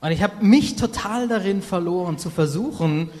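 A man interpreting a sermon live, halting and filling pauses with ums while correcting himself. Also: sits high, animated, dark tone. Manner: halting, many fillers and self-corrections. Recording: reverberant hall.

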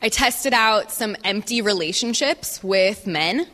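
A woman giving a personal testimony as a guest speaker, speaking in measured phrases and pausing for an interpreter. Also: medium pitch, animated, pushed and bright. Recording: reverberant hall.

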